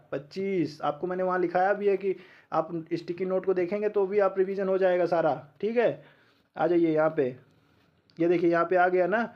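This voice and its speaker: High-voiced man teaching an exam-prep lesson. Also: highs cut off. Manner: drills learners with questions he answers himself; sounds out letters slowly one by one.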